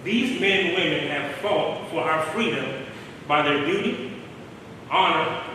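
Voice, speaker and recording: A man giving a keynote speech in formal, measured oratory. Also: a little high, noisy background. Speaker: keynote speaker. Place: large hall. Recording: echoey hall from far off.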